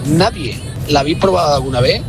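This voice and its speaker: A man's voice: a little high, quick pace, music in the background. A man calling in to a radio show, chatty, telling a story. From Extremadura, Spain. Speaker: radio caller. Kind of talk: phoned-in anecdote.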